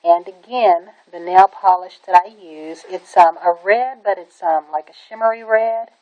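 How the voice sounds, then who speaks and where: A woman with a somewhat low-pitched voice walks through a nail stamping tutorial in a relaxed, chatty way. She talks while she works, often pausing on an "um" and gushing "really, really" about what she likes. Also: lo-fi sound. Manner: chatty and enthusiastic, with many "um"s and repeated "really, really". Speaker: nail art tutorial maker. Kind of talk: casual how-to demonstration.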